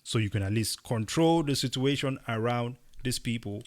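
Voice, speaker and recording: A young man from Cameroon co-hosting a casual opinion chat, talking emphatically and rising into animated bursts. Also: mid-range voice, moderate pace. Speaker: podcast co-host.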